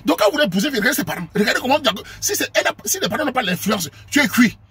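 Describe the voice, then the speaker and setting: A man from Cameroon with a Cameroonian French accent, delivering a preachy, scolding monologue to his viewers and sometimes bursting into shouts. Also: extremely high pitch, sing-song, very fast, husky. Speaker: online commentator.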